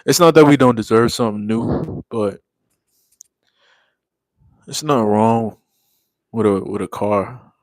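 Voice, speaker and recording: A man's voice: on the low side, measured pace, long pauses, a little mellow, dry recording. Laid-back man hosting a livestream, slangy. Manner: laid-back, drawling, slang-heavy, calls everyone bro and man. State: tired, yawning after leg day. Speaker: livestream host. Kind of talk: casual livestream chat reading comments.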